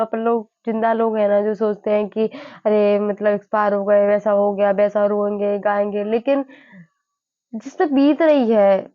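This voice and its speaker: Weary young woman in her early 20s vlogging, halting, lots of fillers, muffled lo-fi audio. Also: on the high side, dry recording. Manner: halting, repeats herself, many fillers. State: weary and low. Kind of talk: emotional personal vlog. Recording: dull lo-fi dry sound.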